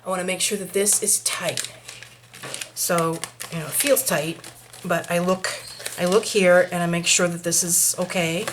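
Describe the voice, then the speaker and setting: Lady w a maine accent talking thru a craft project step by step, kinda low voice, lots of clicky noise. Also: steady tone, normal speed. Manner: chatty, talks through each step, mutters asides to herself. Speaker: craft tutorial host. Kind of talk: hands-on craft tutorial. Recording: noisy home recording with clicks.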